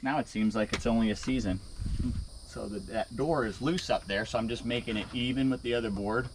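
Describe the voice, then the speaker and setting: A man's voice: medium pitch, a little fast, very noisy. A man hosting a vlog, casually explaining his work as he goes and out of breath from the labor. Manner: rambling, explains as he works. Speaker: animal keeper and vlog host. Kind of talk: casual vlog narration while working. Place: outdoors by animal enclosures.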